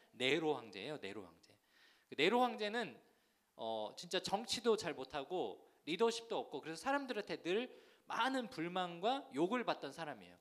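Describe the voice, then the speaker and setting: A man's voice: a little high, a bit bright. A male youth pastor preaching a sermon to teenagers at a church service, telling the story with animation and leading the congregation in repeating lines.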